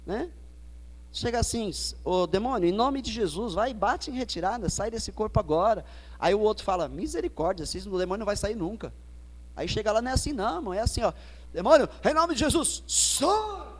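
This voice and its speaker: Brazilian pastor guy from são paulo preaching, high voice, repeats stuff hard, big echoey church. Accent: Brazilian Portuguese, São Paulo. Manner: preaching with emphatic repetition, rising to loud declarations. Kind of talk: sermon. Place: church sanctuary. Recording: church hall reverb.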